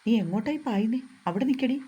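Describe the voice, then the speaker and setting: Woman doing a cocky teasing young husband, mock-stern, storybook style, soft husky tone. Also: fairly high pitch, expressive, quick pace. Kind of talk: storybook narration.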